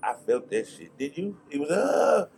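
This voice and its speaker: A man from Charlotte, a rapper telling animated, slangy stories as a guest in a casual interview. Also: fairly high pitch, normal speed, vocal fry. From Charlotte, North Carolina. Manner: animated storytelling, swearing, slangy. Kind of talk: casual conversation.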